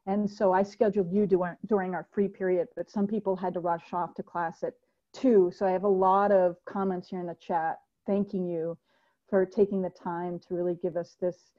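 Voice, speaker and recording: A woman's voice: lowish voice, flat delivery, normal speed, mellow. A woman hosting a speaker series over a video call, talking in an engaged, discursive way. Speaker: host, political science professor. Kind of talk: moderating a video-call talk. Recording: muffled lo-fi video call audio.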